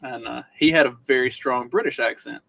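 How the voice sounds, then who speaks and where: A man with a Southern US accent, chatting casually as a podcast co-host. He tells stories in an easygoing way, with a voice of ordinary middle pitch. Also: a little fast, creaky, fairly bright tone, low-quality recording. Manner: easygoing storyteller. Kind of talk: casual chat.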